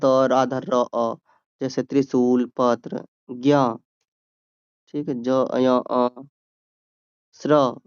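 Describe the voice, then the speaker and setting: A man's voice: medium pitch, clean tone, no room sound, highs cut off. A man tutoring students for an exam, explaining grammar step by step and answering his own questions. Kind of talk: exam-prep grammar lesson.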